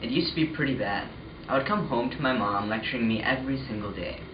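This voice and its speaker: A man's voice: medium pitch, fast. A young man telling his story as a student in a plain, earnest scripted testimonial. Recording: echoey, muffled, faint noise.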